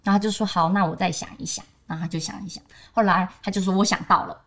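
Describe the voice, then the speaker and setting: This podcast co-host, a woman in her twenties with a Taiwanese Mandarin accent, races through a story in casual conversation. Her lowish voice is steady and slightly bright, and she brightens up further, turning livelier, whenever she quotes her friends.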